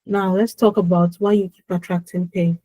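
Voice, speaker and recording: A young adult woman hosting an online emotional healing session, reassuring attendees, calling them by name and pleading with them gently. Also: lowish voice, little pitch movement, normal speed, no room sound, low-quality recording. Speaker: conference host and emotional healing coach. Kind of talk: live online coaching session. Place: online video call.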